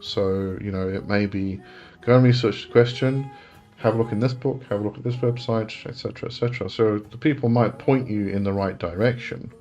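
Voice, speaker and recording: With a lowish, steady, dark-toned voice and a fairly quick pace, an Englishman in his forties runs a casual live chat for viewers' questions. He tends to ramble, corrects himself as he goes, and chuckles often, heard through a muffled recording with soft background music.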